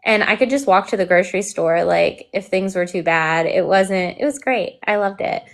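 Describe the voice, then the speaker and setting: A woman's voice: mid-range voice, moderate pace, creaky. Easygoing woman in casual chat. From lives in Georgia. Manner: easygoing, rambling with fillers. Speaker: educational advocate co-hosting a live stream.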